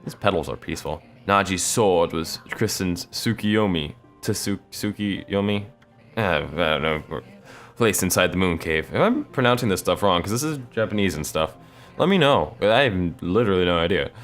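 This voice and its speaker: A man's voice: deep voice, animated, a little fast, fairly bright tone. A young man reading a video game's story aloud, with casual joking asides. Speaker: let's play narrator. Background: faint game music.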